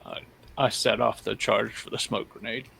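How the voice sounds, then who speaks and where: A man's voice: on the low side, fairly even intonation, moderate pace, gravelly, a bit bright, slightly rough, low-quality recording. A man playing a tabletop game, talking casually with wry banter. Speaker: player.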